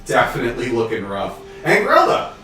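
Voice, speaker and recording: A man speaks as game master from a very echoey room, well off the mic, with faint music behind him. His pitch is middling, and he narrates the action in loose, casual language with frequent asides. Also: wildly swooping pitch, normal speed, sharp tone, distant mic.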